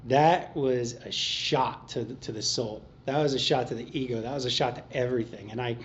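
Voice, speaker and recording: A man speaking at a recovery meeting, telling his personal story with animated delivery, acting out the voices in his head and laughing often. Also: mid-range voice, fairly quick. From Pennsylvania. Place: meeting room. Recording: slightly dull, faint hiss.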